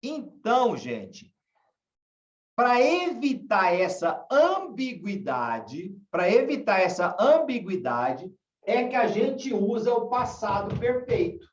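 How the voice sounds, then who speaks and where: Slow, lively Brazilian teacher. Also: male voice, sits high, recorded from a distance. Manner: questioning, repeats example sentences. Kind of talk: online class lesson. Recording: dull, echoey room from afar.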